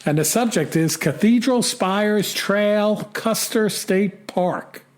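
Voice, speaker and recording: An American man co-hosting a casual podcast, chatty and quick to laugh as he reads listener emails aloud. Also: high-pitched. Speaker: podcast co-host reading listener mail.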